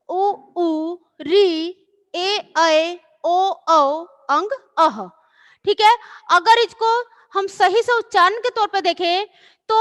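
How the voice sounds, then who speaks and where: Teaching children online, a woman slowly and patiently recites letters in a drawn-out way and explains them. Her voice is very high-pitched with a fairly bright tone.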